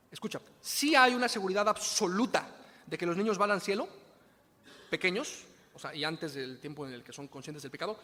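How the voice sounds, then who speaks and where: High-voiced Mexican preacher in a hall. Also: male voice, sharp tone. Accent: Mexican Spanish. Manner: conversational, asks rhetorical questions. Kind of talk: sermon.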